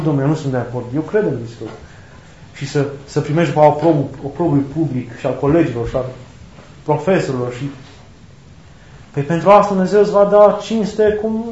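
A man's voice: fairly high pitch, a little mellow, a little hiss or hum. A man preaching a sermon with passion, firing off rhetorical questions and acting out the words of others. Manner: impassioned, rhetorical questions, acts out quoted speech. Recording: echoey, dull lo-fi room recording.

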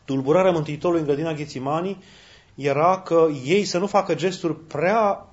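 Emphatic male preacher, slightly lo-fi. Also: on the high side. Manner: conversational, storytelling, addresses the listeners directly. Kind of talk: sermon. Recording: slightly dull lo-fi recording.

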